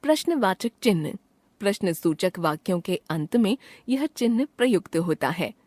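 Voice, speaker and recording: A woman reading a grammar chapter aloud as a lesson, in a clear, measured way, giving her example sentences some expression. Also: medium pitch, sing-song, a little mellow, dry recording. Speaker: teacher reading a textbook chapter. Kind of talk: scripted narration of a grammar lesson.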